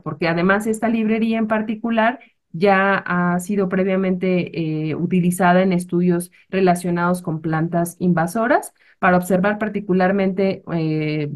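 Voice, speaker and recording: Woman giving a measured talk. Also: lowish voice, fairly even intonation. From Mexico. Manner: measured, with frequent fillers and self-corrections. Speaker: botanist presenting a class project. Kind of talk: academic presentation.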